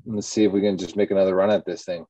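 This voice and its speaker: A man, a baseball pitcher answering interview questions in an easygoing, rambling way. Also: steady tone, racing, warm tone. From Texas, USA. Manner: easygoing, rambling, many ums and you-knows. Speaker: professional baseball pitcher, guest. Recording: dull, muffled lo-fi sound.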